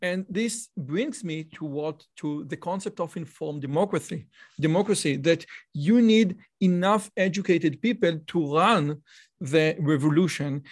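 A man's voice: on the high side, a little slow. A man with an Israeli accent hosting an interview, posing questions chattily and laughing between points. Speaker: podcast host.

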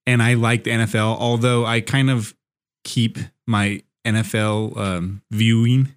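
A man speaking as a podcast guest in casual sports chat, often pausing mid-sentence. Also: fairly low pitch, flat delivery, clean tone.

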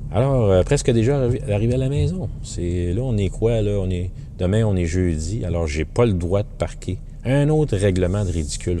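A man with a Quebec French accent rambles sardonically while driving, his voice low-pitched and dark. He trips over fillers and restarts as he rants in a casual monologue. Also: a little hiss or hum. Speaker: podcast host.

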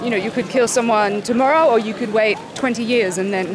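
A woman's voice: fairly high pitch, fairly quick, poor audio. A woman conducting a casual interview outdoors as the interviewer. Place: outdoors on a busy city street. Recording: busy street, crowd and traffic. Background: street bustle and vehicles.

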